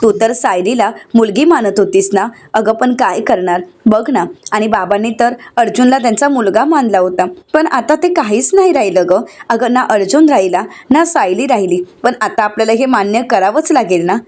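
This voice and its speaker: A woman's voice: a little high, expressive, moderate pace, few pauses, darkish tone. A woman voicing a scheming young woman who fakes grief, speaking with sweet pleading concern.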